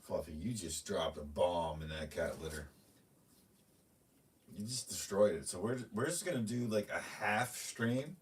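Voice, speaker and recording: Middle-aged man, low voice, rambling rant, off-mic, faint room noise. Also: a little slow, far from the mic. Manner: ranting, talks to his cats. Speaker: streamer. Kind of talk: rambling live-stream chat.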